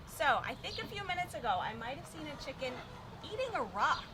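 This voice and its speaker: A woman's voice: high voice, very animated, brisk, crowd noise. A woman presenting to children as a kids show host, exclaiming and asking simple questions of her young viewers.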